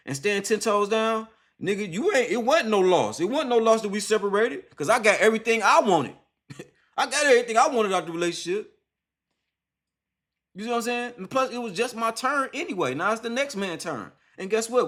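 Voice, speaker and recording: A young man holds forth in a loose, unscripted interview. His voice sits high for a man and he talks quickly. He leans on heavy slang and profanity and keeps circling back to repeat his points with emphasis. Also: a bit bright. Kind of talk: casual unscripted monologue.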